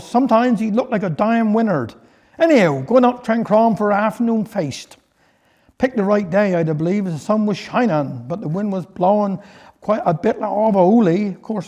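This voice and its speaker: High-voiced Cornish man reciting West Country tales. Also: darkish tone. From Cornwall, England. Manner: West Country dialect, folksy, character dialogue within narration. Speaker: dialect poet and storyteller. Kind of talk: dialect storytelling recitation.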